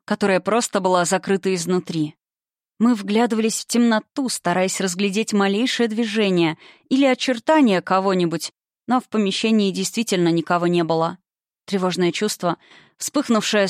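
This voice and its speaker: A woman's voice: medium pitch, no echo. Female audiobook narrator, suspenseful first-person read, dry.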